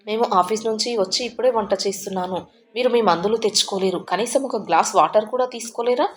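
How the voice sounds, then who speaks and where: A woman voicing a harsh, irritable young daughter-in-law who talks in a sharp, scolding, impatient way. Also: mid-range voice, fast talker, slight background noise, natural voice.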